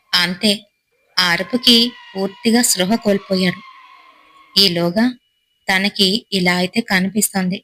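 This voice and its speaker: Woman narrating spooky stories, mid pitch, dry close sound, short suspenseful phrases. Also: fairly bright tone, dry recording, rough recording. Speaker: horror story narrator. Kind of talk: dramatic horror storytelling.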